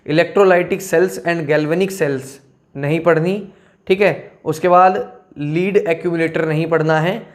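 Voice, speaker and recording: A man teaching a class, explaining the syllabus in a casual way. He says "theek hai" after nearly every point, calls the students children, and slows down to read technical terms. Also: on the high side. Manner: switches between slow read-out terms and quick asides.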